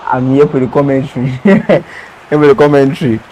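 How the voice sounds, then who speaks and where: A man streams a football game live and reacts loudly to the play between friendly chat with his viewers. His voice is mellow and relaxed in tone, while traffic murmurs faintly in the background. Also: mid-range voice, fairly quick, lo-fi sound. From Cameroon. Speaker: gaming streamer.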